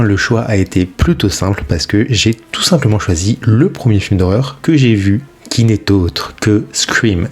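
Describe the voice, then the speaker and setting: A man's voice: lowish voice, darkish tone, breathy edge. A man hosting a drawing vlog in a casual voice-over, chatting and joking at his own expense while speaking straight to the viewer. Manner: chatty, self-mocking, speaks to the viewer directly. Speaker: drawing channel host.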